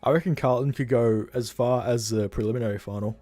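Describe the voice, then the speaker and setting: A man's voice: mid-range voice, fast talker, dark tone, no echo, faint music behind. A young Australian man hosting a casual livestream, tired and rambling, talking bluntly and swearing freely from home. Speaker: livestream host.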